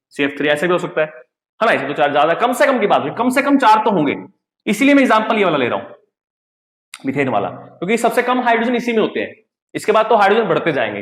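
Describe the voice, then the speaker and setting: A young man teaching chemistry with a slightly high voice. He fires off rhetorical questions, repeats his points and slips into a lower voice to mimic his students. The recording has a noticeable room echo. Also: a bit bright. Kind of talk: classroom-style lecture. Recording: echoey room.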